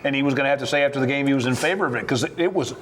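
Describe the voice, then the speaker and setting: A man's voice: mid-range voice, racing, fairly bright tone, slight background noise. A man hosting a sports talk show, joking often and rambling into long analogies. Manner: chuckling, wisecracking, rambling analogies. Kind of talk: casual sports chat.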